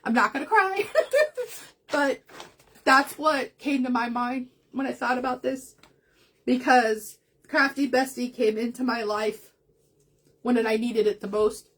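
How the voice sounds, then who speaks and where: A woman's voice: a little high, fairly even intonation, unhurried, a bit bright. A woman hosting a craft livestream, chatting casually while she works, getting emotional and laughing often as she talks to her viewers.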